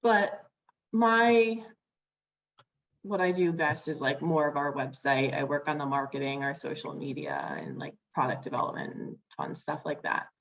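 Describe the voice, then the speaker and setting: A woman's voice: low voice, expressive, moderate pace, vocal fry, muffled recording. A young adult woman, a florist guest on a video call, talking casually with many "like"s and "um"s. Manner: chatty, many fillers like "like" and "um".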